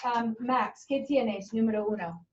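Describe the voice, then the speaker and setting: A woman's voice: on the high side, fairly even intonation, moderate pace. Woman, Spanish teacher, encouraging, easygoing, classroom, far from the mic, dull sound. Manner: chatty, encouraging, mixes Spanish and English. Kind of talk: classroom lesson. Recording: muffled classroom audio from a distant camera.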